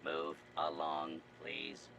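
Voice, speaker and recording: An actor playing a stern male office security robot through a robotic filter, giving flat, clipped commands. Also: extremely low pitch, very slow, vocal fry, background noise, full character voice.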